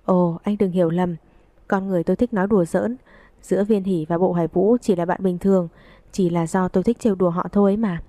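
Brief: woman narrator voicing a cocky young joker, mellow low-bright tone, teasing. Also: steady tone, fast, no room sound, natural voice. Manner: teasing, playful. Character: cheeky joking young man. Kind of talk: audiobook reading.

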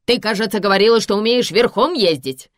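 A woman reading an audiobook voices an impatient male TV producer who shouts orders. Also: mid-range voice, fairly quick, no room sound, clean studio sound, close to an everyday voice. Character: harried male TV news producer, bossy.

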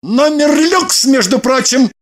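A man's voice: high-pitched, lively intonation, a little slow. A man reading the part of a prim, self-important businessman in an audiobook, stiff and indignant.

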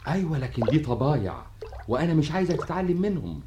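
A man's voice: fairly high pitch, expressive, quick pace, warm tone, lightly acted. A man voicing a fatherly jinn king in an Egyptian radio play, firm and lecturing, with an Egyptian accent. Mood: stern. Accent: Egyptian Arabic. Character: jinn king, fatherly, stern but amused. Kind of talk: 1960s Egyptian radio drama acting. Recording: noisy old radio recording.

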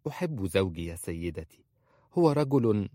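Man reading a gentle, innocent young bride. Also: sits low, sing-song, normal speed, dry recording, clean studio sound. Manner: soft, gentle pleading.

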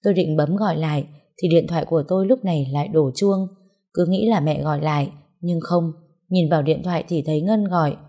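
A woman narrating a first-person story in a calm, measured way. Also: low-pitched.

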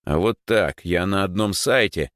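A man's voice: low-pitched, unhurried, a bit bright, no room sound, pitched above the performer's own voice. A man voicing a shy, flustered schoolboy in an audiobook, who speaks hesitantly and stumbles over words. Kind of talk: audiobook character voice.

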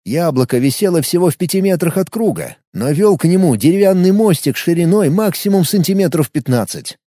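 A man narrating an audiobook with animated, expressive storytelling. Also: fairly high pitch, fairly quick, dry recording, studio quality.

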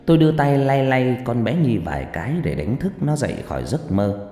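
A man's voice: mid-range voice, lively intonation, brisk, mellow. A man narrating a horror story with a dramatic delivery, in an echoey recording with faint music.

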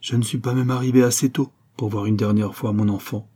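A man voicing a dignified, grieving aristocratic father who speaks gravely. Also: medium pitch, fairly even intonation, fairly quick, dark tone, lightly acted. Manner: grave, sorrowful.

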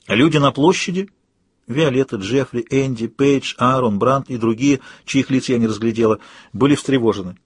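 Husky male audiobook narrator. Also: medium pitch, no echo, clean studio sound.

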